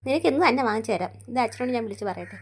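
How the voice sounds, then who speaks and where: A middle-aged woman playing a mother in a family skit, brisk and scolding toward her kids. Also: fairly high pitch, expressive, slight background noise.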